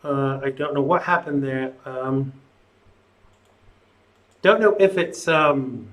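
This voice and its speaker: A man's voice: mid-range voice, slow, a bit bright. A man hosting a live call-in show, talking in an opinionated, sardonic and conversational way.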